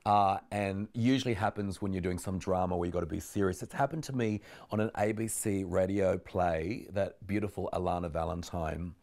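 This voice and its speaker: This actor, a man in his forties, speaks at a moderate pace in a low, slightly mellow voice with hardly any pauses. He's having a lively, casual interview chat in a living room with bookshelves, laughing frequently.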